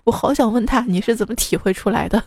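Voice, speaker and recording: A woman's voice: fairly high pitch, fast talker, darkish tone. A woman host reading funny listener stories in a playful, teasing way, in her speech. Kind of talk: casual comic storytelling. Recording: background music under the voice.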